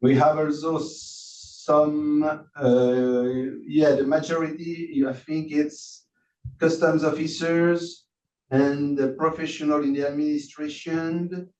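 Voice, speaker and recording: A man hosting and lecturing an online class, friendly and halting with many restarts, on a video call. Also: on the high side, a little mellow. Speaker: course lecturer and host. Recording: distant, roomy, dull video call audio.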